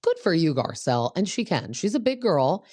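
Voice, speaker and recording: A woman's voice: on the low side, big pitch swings, normal speed, mellow, no echo, studio quality. A woman hosting a podcast, giving a casual, opinionated recap of a reality show and filling her talk with "like". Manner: chatty and opinionated, full of "like" fillers. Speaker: podcast host.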